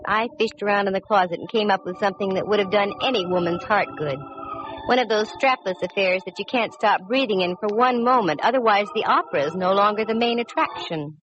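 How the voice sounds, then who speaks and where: An actress with a mid-range voice, speaking a little fast and lightly acted, plays a witty, self-assured woman private detective. She narrates wryly in a sardonic 1940s radio drama style, heard on a dull vintage radio recording with music.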